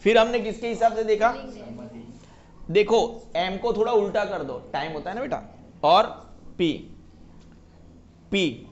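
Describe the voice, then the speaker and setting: A young man teaches economics to a class with a high voice and a slow, drawn-out delivery. He moves between Hindi and English and keeps asking whether anyone has a doubt. Now and then he sings a short mnemonic line. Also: highs cut off, a little hiss or hum. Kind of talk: classroom lecture.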